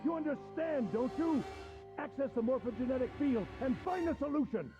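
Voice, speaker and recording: A man's voice: very high-pitched, lively intonation, moderate pace, highs cut off, over music. An actor playing a cruel, taunting middle-aged male villain in a video game. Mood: menacing taunt. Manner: mocking, menacing, laughs at others' fear. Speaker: game character.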